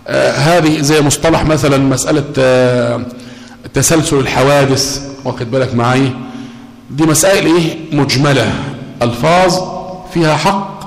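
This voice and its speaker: A man's voice: a little high, poor audio. A man teaching a religious lesson in Egyptian Arabic, explaining step by step and often checking that listeners follow. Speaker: sheikh teaching a creed text.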